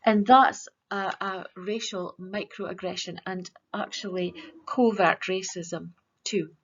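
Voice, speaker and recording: A woman teacher speaks to a school assembly in an earnest, measured way, pausing on ums. Her voice sits in a middle pitch. The recording is slightly dull and lo-fi. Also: fairly even intonation, slightly rough. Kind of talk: presenting a virtual school assembly.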